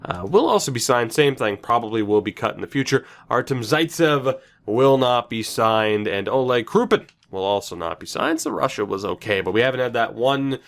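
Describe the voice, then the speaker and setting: A young man casually commenting on his own football management game, chatty and self-mocking with lively asides. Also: medium pitch, normal speed, hardly any pauses. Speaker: gaming commentator.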